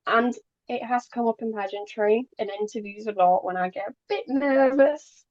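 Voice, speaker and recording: Speaking at a moderate pace in a fairly high, slightly mellow voice, this young adult woman is a pageant queen appearing as a podcast guest. Polish by birth and a native Polish speaker, she moved to England at age ten and talks casually in the interview, sometimes tripping over words. The sound is lo-fi with no echo.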